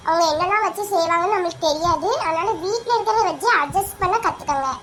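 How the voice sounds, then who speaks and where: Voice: extremely high pitch, quick pace, fairly bright tone, slight background noise. A child hosting a home video channel and earnestly explaining things to viewers. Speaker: channel host. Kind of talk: casual vlog address.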